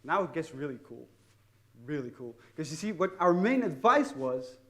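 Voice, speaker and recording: A man's voice: a little high, sing-song, normal speed, fairly bright tone. A young man with a Dutch accent telling an audience about his student project, often repeating words and poking fun at himself. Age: young adult. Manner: hesitant, repeats words often, self-mocking humor. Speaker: student speaker. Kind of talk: personal story told to an audience.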